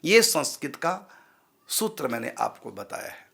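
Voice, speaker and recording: A man's voice: fairly high pitch, sing-song, unhurried, gravelly, sharp tone. A man, a spiritual teacher, patiently explaining how to pronounce mantra syllables and repeating sounds to drill them.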